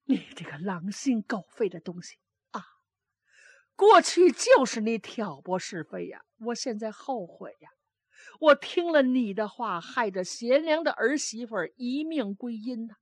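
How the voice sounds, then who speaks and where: A woman's voice: fairly high pitch, animated, a little slow, no echo, clean studio sound. A woman voicing a grieving old grandmother who scolds, then pleads with remorse. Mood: scolding.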